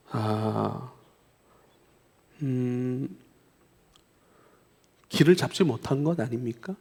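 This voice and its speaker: A man's voice: mid-range voice, darkish tone, slightly rough. A man preaching a sermon as pastor, talking conversationally and acting out pleading prayers with rising intensity. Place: church sanctuary. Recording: long church hall reverb.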